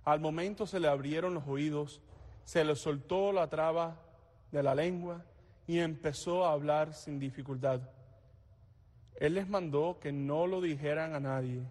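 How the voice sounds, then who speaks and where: A man speaks as clergy at a church service, reading and preaching at a slow, deliberate pace. His voice sits a little high. It rings with a long cathedral echo. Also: a little mellow. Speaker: priest or deacon reading the Gospel and preaching. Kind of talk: liturgical reading and homily. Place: large reverberant church interior. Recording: long echoing church reverb.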